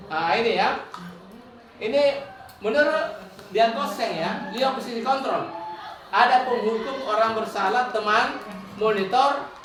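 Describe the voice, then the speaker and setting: A woman, a school principal and facilitator, presenting a training module and acting out classroom examples. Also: a little high. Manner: explanatory, acts out classroom examples. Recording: echoey room, mic far off, crowd noise.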